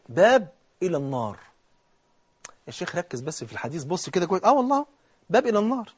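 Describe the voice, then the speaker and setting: With an Egyptian Arabic accent, a man delivers a colloquial sermon, animated and acting out dialogue as he swings between hushed and loud. His voice sits high and is slightly rough.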